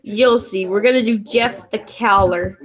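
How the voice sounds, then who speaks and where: A woman's voice: mid-range voice, a little slow, a bit bright. A woman co-hosting a casual story-reading stream, giggly and stumbling over her words.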